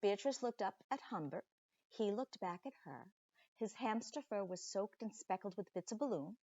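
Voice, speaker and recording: A woman with an animated, medium-pitched, darkish voice reads a children's story expressively, teacher-style. She pauses for drama on purpose and adds chatty remarks to the young audience. There's no echo, but the highs are cut off.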